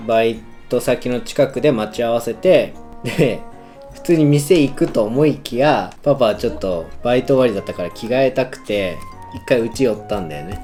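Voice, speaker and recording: A man's voice: medium pitch, moderate pace, mellow. A young man chatting casually as he tells a story, often chuckling, with music playing behind him. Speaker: husband and father co-hosting a couple's chat. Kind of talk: casual chat, telling a story from their dating days. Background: background music.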